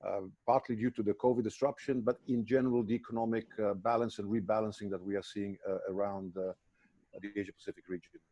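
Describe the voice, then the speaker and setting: A man who edits a magazine, hosting a panel webinar and introducing guests in a measured way with frequent hesitations. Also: on the low side, fairly even intonation, warm tone, no room sound, muffled recording. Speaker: magazine editor and webinar host.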